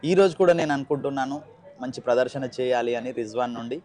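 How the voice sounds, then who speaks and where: Fast-talking Telugu man, cricket co-commentator. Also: medium pitch, darkish tone.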